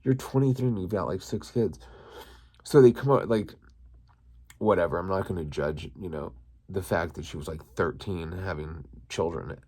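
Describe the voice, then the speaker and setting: Male vlog host, low pitch, heated profane rant. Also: moderate pace, darkish tone, slightly rough. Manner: crude, heated, swearing. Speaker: channel host.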